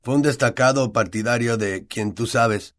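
A man's voice: medium pitch, moderate pace, lightly acted. A man with a Latin American Spanish accent voicing a mischievous teenage wizard who talks in a conspiratorial way.

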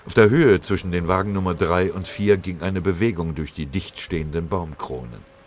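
A man's voice: low-pitched, normal speed, slight background noise. A man reading a war story aloud in a dramatic, vivid storytelling manner. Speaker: narrator. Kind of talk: scripted audiobook narration.

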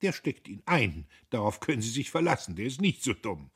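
A man's voice: mid-range voice, very animated, a little fast, fairly bright tone, slightly rough, voice pushed up, exaggerated voice. A man putting on a teasing young woman. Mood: coy teasing. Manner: coy, teasing, playful. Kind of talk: audiobook character voice.

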